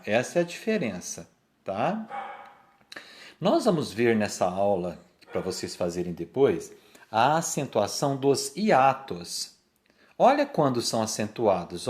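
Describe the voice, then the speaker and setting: A man's voice: mid-range voice, darkish tone. A man with a Brazilian Portuguese accent teaching a grammar lesson, patiently repeating points and stretching key words.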